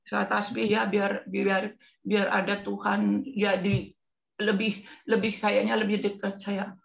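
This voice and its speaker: A woman in her eighties telling lively stories with laughter as a guest on a talk show. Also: medium pitch, slow pace, vocal fry, lo-fi sound. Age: 80s. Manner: lively, laughing, mimics singing scales. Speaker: guest entertainer. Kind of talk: casual talk show storytelling.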